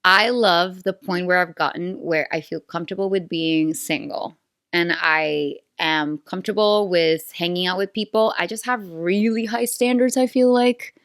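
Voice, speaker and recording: A Venezuelan woman in her thirties, a native Spanish speaker with a Venezuelan accent, hosts her own podcast, chatting casually on her own in a playful, self-aware way. Her voice is lowish and fairly bright, at a moderate pace. The studio sound is clean, with no room echo.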